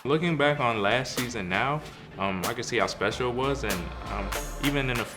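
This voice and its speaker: A young man, a college wide receiver who grew up in Ghana, speaking relaxed in a feature interview with many ums. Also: mid-range voice, brisk, music in the background. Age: young adult. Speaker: college football player.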